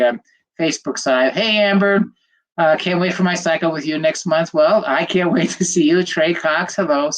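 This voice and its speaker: An older man who is a fertility doctor gives a livestream lecture through a computer mic, and the audio quality is poor. His voice is on the high side with a slight nasal tone from a cold. He greets viewers first, then eases into the medical talk in a chatty, rambling style full of ums and uhs.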